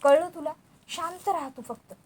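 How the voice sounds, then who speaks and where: A woman voicing a calm, protective young woman who soothes and reassures firmly. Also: sits high, normal speed, a little hiss or hum, close to an everyday voice. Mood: firm reassuring. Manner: firm, soothing. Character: calm, protective older sister figure, reassuring.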